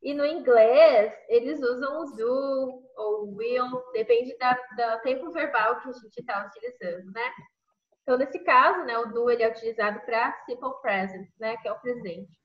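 A woman's voice: fairly high pitch, moderate pace. A woman with a Brazilian Portuguese accent teaching an online English class, explaining patiently step by step and checking in with tag questions over a video call. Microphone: computer microphone on a video call. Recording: echoey, muffled video call audio.

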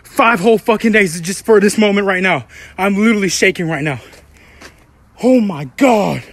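Very high-voiced overjoyed young man. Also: moderate pace. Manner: excited, overwhelmed, repeating himself. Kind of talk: casual vlog.

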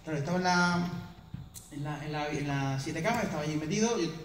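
Animated Spanish comedian in an echoey hall. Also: male voice, fairly high pitch, fast, distant mic, a little hiss or hum. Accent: Murcian Spanish. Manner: animated, jokey, acting out dialogue. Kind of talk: stand-up storytelling to an audience. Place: hospital lecture hall. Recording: echoey hall, mic from afar, audience laughter.

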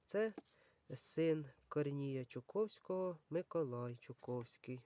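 A man's voice: a little high, lively intonation, slow pace, dark tone, dry recording. A man casually going through a pile of books, talking unhurriedly and thinking aloud with many fillers, addressing his viewers as friends. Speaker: book channel vlogger. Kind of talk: casual browsing commentary.

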